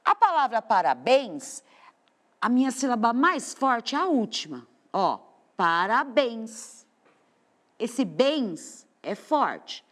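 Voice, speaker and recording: Slow, lively Brazilian woman teaching. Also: on the high side. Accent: Brazilian Portuguese. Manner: slow, patient explaining with drawn-out stressed words. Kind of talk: classroom lesson for children. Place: studio.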